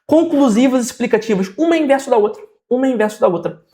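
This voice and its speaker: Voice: mid-range voice, expressive, very fast, dark tone, slight background noise. A teacher with a Brazilian Portuguese accent giving a grammar lesson, patiently repeating examples and often checking in with the listener.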